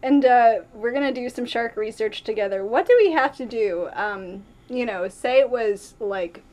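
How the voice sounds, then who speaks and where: A woman's voice: on the high side, moderate pace, darkish tone. A woman with a Latin American accent, chatting casually as she interviews guests. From Cuba. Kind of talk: casual panel chat.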